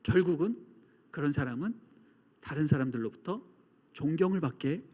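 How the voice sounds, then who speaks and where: A male pastor preaching a sermon, telling a story and acting out shouts and echoes to make his point. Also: on the high side, lively intonation, normal speed. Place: large church sanctuary. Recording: church hall reverb.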